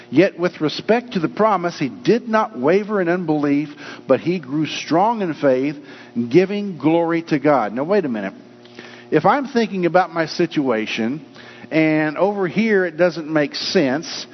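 A man preaching a sermon, reading scripture and acting out people's doubts as he goes. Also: a little high. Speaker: pastor. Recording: echoey hall, dull lo-fi sound with mains hum.

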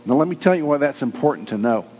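A man's voice: mid-range voice, expressive, fast. A man preaching a sermon, reading scripture and acting out people's doubts as he goes. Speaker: pastor. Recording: echoey hall, dull lo-fi sound with mains hum.

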